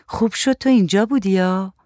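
Brief: male narrator doing a restless wife, snappy lines, pitched up, dry close sound. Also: a little mellow, no echo, natural voice. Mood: curt. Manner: curt, quick retorts.

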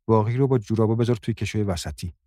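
A man's voice: fairly low pitch, warm tone, no echo, clean studio sound, close to an everyday voice. A man voicing a bitter, resentful grown woman who talks sharply and scolds in an audiobook. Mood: curt.

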